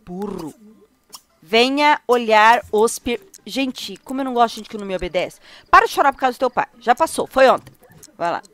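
A woman's voice: fairly high pitch, expressive, fairly quick, fairly bright tone. A young Brazilian woman with a cold, chatting casually as she plays a life sim game and talks to her characters and viewers. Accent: Brazilian Portuguese. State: has a cold. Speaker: gaming video host. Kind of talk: casual let's-play commentary.

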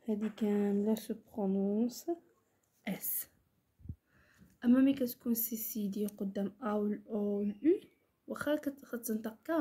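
A woman with a Moroccan Arabic accent teaching French to young pupils, explaining step by step and mixing Moroccan Arabic with French, slowing down to dictate words syllable by syllable. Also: a little high, mellow, slightly rough. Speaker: primary school French teacher. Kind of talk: online lesson explanation.

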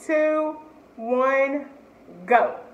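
A woman's voice: high voice, drawn-out words. A woman hosting a casual food challenge vlog, chatting to viewers. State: teary from spicy food. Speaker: vlogger. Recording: roomy, slightly dull, faint noise.

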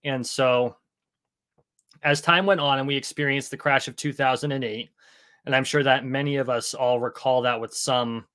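A man in his thirties from Vermont speaks as an interview guest over a headset on a video call. His voice is mid-pitched, and he explains his background in a measured, articulate way from his home office. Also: fairly even intonation, a bit bright. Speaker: guest, political candidate. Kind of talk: conversational interview.

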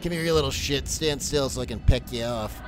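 A man streaming a game live, excitable and profane, yelling at the screen and calling viewers son and dude into his desk microphone. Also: mid-range voice, fairly quick. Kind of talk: live gameplay commentary. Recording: game music playing under the voice.

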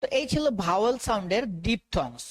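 A woman with a Bangladeshi accent teaching a phonics lesson, slowly repeating each sound and correcting common mistakes. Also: mid-range voice, sing-song, no echo. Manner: slow drilled repetition of sounds.

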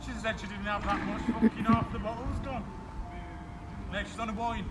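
A man's voice: high-pitched, steady tone, normal speed, over loud music. A young man chatting casually to camera in a boisterous, sweary way, hosting a challenge video outdoors on a phone. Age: young adult. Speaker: host of a drinking challenge video. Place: outdoor playground. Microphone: phone held by someone a few metres away. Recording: muffled phone audio, distant, loud outdoor noise.

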